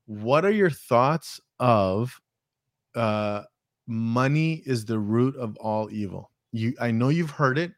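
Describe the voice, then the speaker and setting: A man's voice: mid-range voice, slow, no echo, clean studio sound. A man co-hosting a podcast, chatting casually with a playful, teasing manner. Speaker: podcast co-host. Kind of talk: casual chat.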